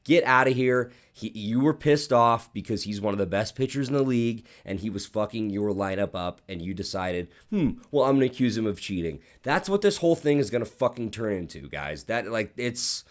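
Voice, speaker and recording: A man's voice: on the low side, normal speed, hardly any pauses. Profane rambling sports podcast host, man. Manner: profane, rambling, animated storytelling. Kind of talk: casual sports podcast monologue.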